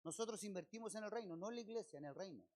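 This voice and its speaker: Man, Chilean accent, pastor, sermon, rhetorical questions, loud surges. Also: high-pitched, expressive, very fast. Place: church service.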